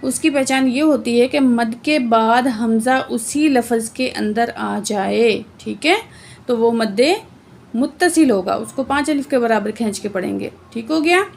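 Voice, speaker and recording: A woman teaching Quran recitation word by word, explaining the rules plainly and reciting verses slowly with drawn-out sounds. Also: fairly high pitch, vocal fry, a little mellow. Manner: often adds "theek hai" to check understanding. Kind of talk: slow word-by-word recitation lesson.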